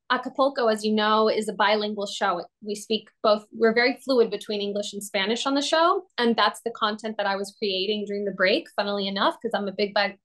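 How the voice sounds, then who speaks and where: A young woman who grew up in Latin America, an actor talking as a guest in a casual video-call interview, lively and expressive, laughing often. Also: fairly high pitch. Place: home room, indoors.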